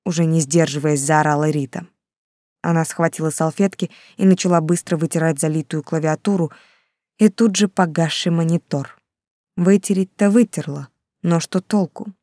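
A woman reads a novel aloud in a calm, steady storytelling voice. Her tone is low-set, dark and mellow. The recording is close and dry, with no room sound. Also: normal speed, no echo. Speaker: narrator. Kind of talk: audiobook narration.

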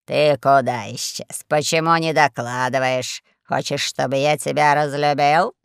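A woman voicing a lazy, fat, menacing male crime boss in a storybook, drawling slowly and low. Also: steady tone, creaky, clean tone, dry recording, clean studio sound.

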